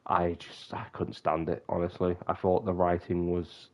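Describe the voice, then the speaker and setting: A young man with a deep, stuffy, sniffly voice rambles casually on a live stream, speaking in a completely flat tone at a moderate pace. He keeps interrupting himself and often breaks off mid-sentence.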